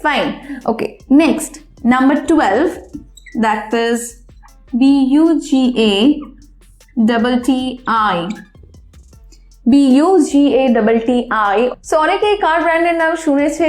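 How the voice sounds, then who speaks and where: Slow high-voiced woman teaching pronunciation. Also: a little mellow, reverberant. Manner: slow, spelling out letters one by one. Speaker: English teacher. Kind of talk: spoken language lesson.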